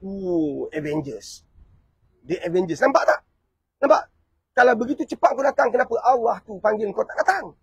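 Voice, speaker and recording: A man's voice: sits high, animated, moderate pace, husky, dry recording, highs cut off. A man with a Malaysian Malay accent, giving a fiery family-themed preaching talk full of rhetorical questions. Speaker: motivational family speaker.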